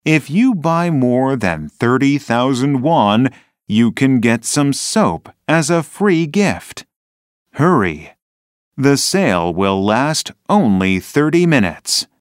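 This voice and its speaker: A man voices a store announcer making a supermarket announcement at a measured, unhurried pace. The delivery is clear and scripted, with lively rises and falls in pitch. The sound is dry and close, recorded in a studio for a listening test. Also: no room sound. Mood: announcing. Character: adult male store announcer.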